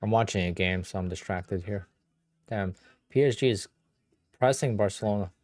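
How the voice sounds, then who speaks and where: A man from Poland, whose first language is Polish and who has a Polish accent, hosts a casual livestream and answers viewer questions in a blunt, offhand way. His voice is fairly low and darkish in tone, at a moderate pace, with no room sound.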